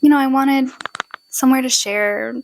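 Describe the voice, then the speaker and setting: A woman in her early twenties from Nepal co-hosts a casual chat podcast. She is friendly and upbeat, with a slightly high voice. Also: fairly even intonation, normal speed, creaky, slight background noise, low-quality recording. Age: early 20s. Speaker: podcast co-host.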